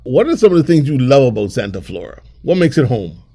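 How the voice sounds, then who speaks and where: A man's voice: medium pitch, quick pace. Man hosting an interview show. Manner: lively, repeats words and restarts often as he asks questions. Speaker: show host. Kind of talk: narrated intro and interview.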